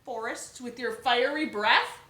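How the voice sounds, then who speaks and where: A woman voicing a clever, bold young princess who flatters and exclaims eagerly. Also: fairly high pitch, unhurried. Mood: flattering. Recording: echoey room.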